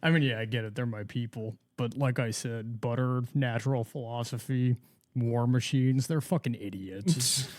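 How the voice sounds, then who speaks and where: A man's voice: medium pitch, moderate pace, dry recording, studio quality. A young man co-hosting a podcast, trading crude, mocking jokes in loose casual chat. His voice is a plain, mid-range male voice. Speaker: podcast co-host.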